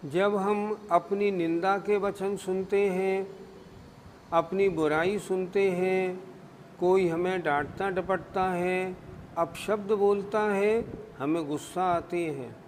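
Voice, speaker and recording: A male religious scholar with a high voice and fairly even intonation explains scripture slowly and deliberately, often asking a question and then answering it himself. His scriptural discourse echoes in a long hall reverb above a faint hum.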